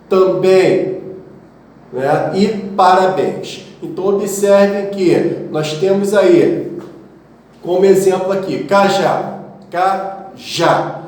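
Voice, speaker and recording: A man's voice: high voice, a little mellow, far from the mic. A man teaching Portuguese grammar with a Brazilian accent, patient and didactic, spelling out letters and checking in with his listeners. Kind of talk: explanatory lesson on accent rules. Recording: echoey room, voice from off the mic.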